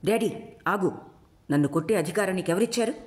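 A woman storyteller voicing a defiant teenage daughter who shouts back at her parents. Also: fairly low pitch, brisk, close to an everyday voice. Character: defiant rebellious teenage girl Shabari.

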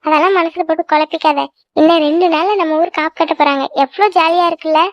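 A woman voicing a young woman in a Tamil-language cartoon, chatting in a brisk, reassuring way. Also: very high-pitched, fairly even intonation, no echo, highs cut off.

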